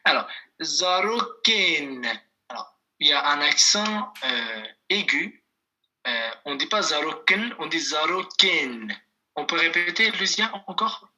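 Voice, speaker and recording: A man leads an online language lesson over a video call. His voice is bright and clear, and he talks very slowly, repeating phrases patiently for his students. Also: fairly high pitch, expressive. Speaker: language teacher. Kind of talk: online class teaching.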